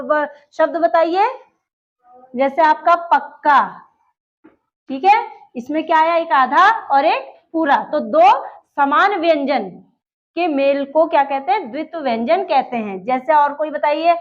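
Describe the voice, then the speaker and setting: A woman teaching a grammar lesson, explaining step by step and asking questions that she then answers herself. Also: high voice. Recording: dull lo-fi recording.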